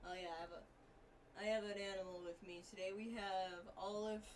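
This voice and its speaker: A woman sits a little far from the mic with a fan clearly running in the background. She streams a game with casual, chatty live commentary in a mid-to-low voice. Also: steady tone, fairly quick. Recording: noisy fan, distant mic. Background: fan noise.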